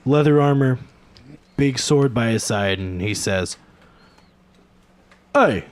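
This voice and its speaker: A young adult man narrating a tabletop game as game master, halting and correcting himself. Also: medium pitch, darkish tone.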